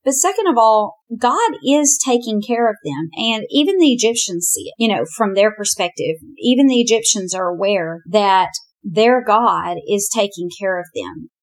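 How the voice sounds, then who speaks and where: A woman teaching a Bible lesson in a conversational, animated way. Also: mid-range voice, moderate pace. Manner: chatty, animated, often says "you know".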